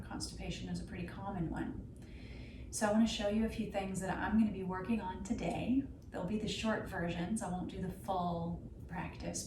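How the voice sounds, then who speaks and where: A middle-aged woman with a mid-pitched voice talks viewers through exercises in a measured, explanatory manner. She sounds like a practitioner teaching on a home-style vlog. The mic is some way off in an echoey room, with clear background noise. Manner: measured, explanatory, uses anatomical terms. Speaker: physical therapist and yoga instructor. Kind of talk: instructional health vlog, talking to camera. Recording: roomy, distant mic, noticeable background noise.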